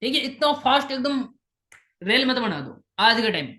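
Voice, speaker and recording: A woman gives a coaching talk on making invitations, with a slightly high voice. She repeats her main points and slips English phrases into her talk, in the steady tone of a trainer. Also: normal speed, roomy sound. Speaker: sales trainer. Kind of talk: instructional talk on invitation skills.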